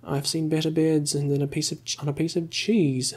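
A man softly voicing an earnest, naive tourist. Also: on the high side, flat delivery, normal speed, husky. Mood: insistent. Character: naive eager male tourist. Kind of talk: whispered role-play.

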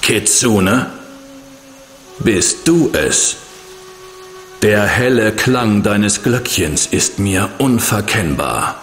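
An actor voicing an ancient blind fox spirit guardian in a video game, speaking in a grand, solemn and amused manner. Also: male voice, lowish voice, animated, fairly bright tone, slight background noise, exaggerated voice. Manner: slow, grand, chuckling delivery. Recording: echoing voice over music.

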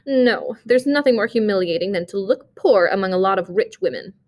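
A woman's voice: mid-range voice, lively intonation, brisk, natural voice. A woman voicing a discontented young wife who longs for luxury, speaking in a plaintive, bitter tone in a storybook reading.

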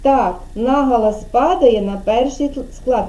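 A woman's voice: a little high, unhurried, warm tone. A woman kindergarten teacher giving an online speech lesson to a child over a video call, patiently drawing out syllables and prompting.

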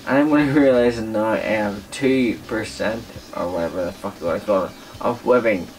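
A man's voice: lowish voice, normal speed, a little mellow. A young man giving casual, sweary gameplay commentary while drunk, rambling as he talks. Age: young adult. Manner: heavy swearing. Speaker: gaming video host. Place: small indoor room at a desk. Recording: distant mic, clear background noise.

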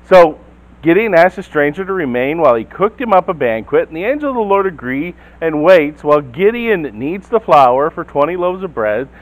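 A male pastor preaching in church, with a voice a little above the usual male pitch. He tells the story in a lively way, acts out the characters' lines, and keeps asking the congregation questions. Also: moderate pace, poor audio. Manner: storytelling, acts out quotes, asks the listeners questions. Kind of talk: sermon.

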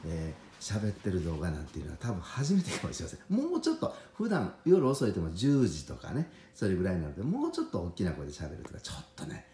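A man who runs a piano shop, showing off a piano late at night and talking in a deliberately quiet, half-whispered way. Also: sits low, wildly swooping pitch, reverberant, a little hiss or hum. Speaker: piano shop owner presenting a piano. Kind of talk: hushed late-night product demo. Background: soft piano playing.

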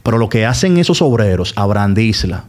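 A man's voice: on the low side, sing-song, brisk, darkish tone. A man with a Dominican accent, a sports commentator talking casually as a podcast guest. He stresses his points by repeating words.

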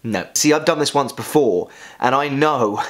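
A man's voice: medium pitch, moderate pace, slight background noise. Young man with a strained singer's voice. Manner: animated, acts out quotes, laughs through his story. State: voice strained by vocal nodules. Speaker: singer and vlogger. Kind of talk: casual storytelling vlog.

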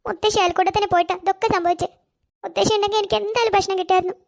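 A woman's voice: steady tone, racing, vocal fry, darkish tone. A woman voicing a hungry, sad little girl in a cartoon, speaking in a plaintive, childlike way. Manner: high childlike voice, plaintive and self-pitying. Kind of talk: cartoon voice acting.

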